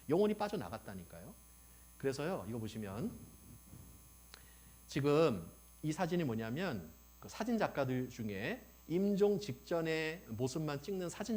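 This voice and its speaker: A man preaching a sermon as pastor, telling stories with lively acted-out quotes and asking the congregation questions. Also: on the high side. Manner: animated storytelling, acting out quoted old people.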